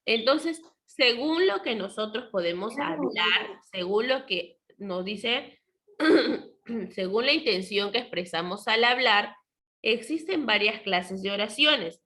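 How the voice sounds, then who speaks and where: A woman teaching a primary school class over a video call, patiently asking the children questions and often clearing her throat. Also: medium pitch, bright, forceful tone. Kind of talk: online class lesson.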